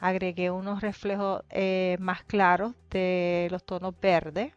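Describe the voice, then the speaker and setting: A woman with a fairly low voice narrates a painting tutorial calmly, explaining each step and pausing often to hesitate. The voice-over is dry and slightly dull and lo-fi, with faint music underneath. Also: smooth, no echo. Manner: calm, explanatory, with frequent hesitations. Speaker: painting teacher.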